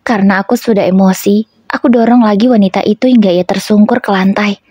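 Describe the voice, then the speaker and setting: A woman's voice: mid-range voice, fairly even intonation, fast talker, darkish tone, slightly rough, dry recording, clean studio sound. A woman narrating an emotional first-person story about her marriage, with an indignant tone.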